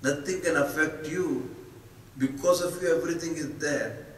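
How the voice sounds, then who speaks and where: A man with an Indian accent giving a spiritual discourse as a teacher, emphatic, posing rhetorical questions and answering them in short, deliberate phrases. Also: on the high side. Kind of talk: spoken philosophical discourse to students. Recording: echoey hall, distant mic, faint noise.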